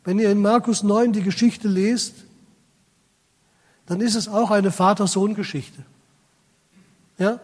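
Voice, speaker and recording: High-voiced preacher in a reverberant hall. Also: male voice, steady tone, slow pace, long pauses, darkish tone. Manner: addresses the congregation directly, quotes scripture dramatically. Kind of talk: sermon.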